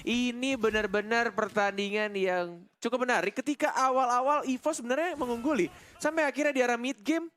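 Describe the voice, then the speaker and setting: A man with an Indonesian accent calling play-by-play as an excited esports caster. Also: extremely high pitch, fairly quick. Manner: breathless calls that build to shouting. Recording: loud music bed under voice. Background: music.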